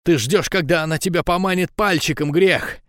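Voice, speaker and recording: A man voicing a shrill jealous young woman. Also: moderate pace, no echo, studio quality, close to an everyday voice. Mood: mocking. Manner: shrill, accusing, breaking into shouts. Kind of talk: audiobook dialogue.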